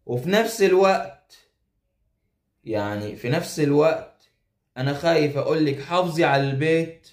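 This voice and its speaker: A man's voice: on the high side, moderate pace, long pauses, darkish tone. Egyptian man with a roomy echo. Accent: Egyptian Arabic. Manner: earnest, searching for words with many fillers. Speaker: advice show host. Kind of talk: reading a listener's letter, then giving advice.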